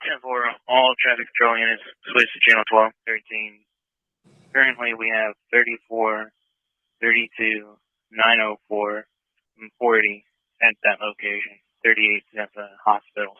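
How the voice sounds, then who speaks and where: A man's voice: fairly low pitch, monotone, a little slow, no echo. A man working as a police radio dispatcher, talking in terse, clipped codes over a walkie-talkie. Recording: tinny dry radio transmission.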